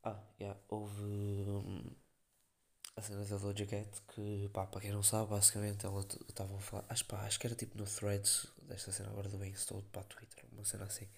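A young European Portuguese podcast host speaks in a lowish voice with vocal fry, delivering his rambling, slang-filled stories completely flat and fairly quickly, with many fillers.

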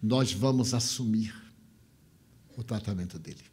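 A man's voice: fairly low pitch, unhurried, warm tone, husky. Older man telling a moving story. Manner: emotional storytelling, mimics sounds and voices. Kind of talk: storytelling talk.

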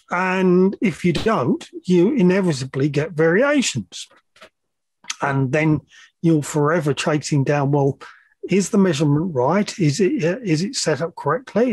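A middle-aged loudspeaker measurement engineer, a podcast guest, explains technical matters in a slightly high, a little mellow voice with a breathy edge and no echo. He sometimes hesitates and adds plain-spoken asides.

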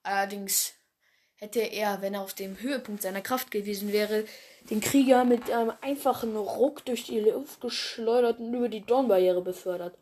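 A woman's voice: medium pitch, moderate pace, darkish tone. A woman reading her own animal fan story aloud, often stumbling and correcting herself, with casual slangy asides. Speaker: story reader.

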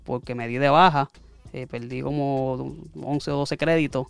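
A man's voice: medium pitch, steady tone, a little slow, creaky, clean tone, no room sound, faint music behind. A man, a guest telling his story in a rambling, casual way and often correcting himself. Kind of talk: casual interview chat.

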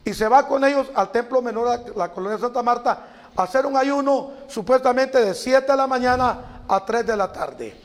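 High-voiced preacher man. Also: moderate pace. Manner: animated, acts out quotes, laughs at his own stories. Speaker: preacher guest. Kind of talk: storytelling sermon chat.

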